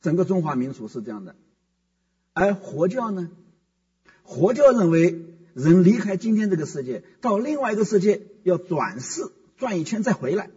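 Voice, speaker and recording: A man's voice: high voice, sing-song, normal speed, darkish tone, breathy edge. A man preaching a sermon as pastor, emphatic and fond of rhetorical questions. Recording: muffled, echoey hall from far off.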